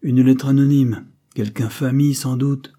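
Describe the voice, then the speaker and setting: A man's voice: mid-range voice, fairly even intonation, a little slow, dark tone, voice pushed up, lightly acted. Man reading as an indignant old nobleman. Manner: emphatic, scolding.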